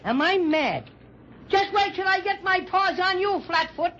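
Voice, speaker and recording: A man's voice: very high-pitched, lively intonation, measured pace, pushed and bright, exaggerated voice. A man playing a blustering, good-natured stuffed bear with folksy, boastful talk in a 1930s children's radio serial. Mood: indignant. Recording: dull, noisy 1930s radio recording.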